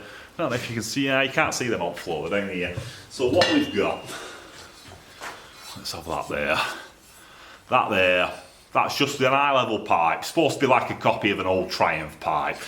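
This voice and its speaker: A Northern English man, an exhaust fabricator who presents videos, chats informally to camera inside a small, cluttered workshop, rambling as he thinks out loud. His pitch is fairly low with a bit of brightness, and the room sounds echoey and spacious.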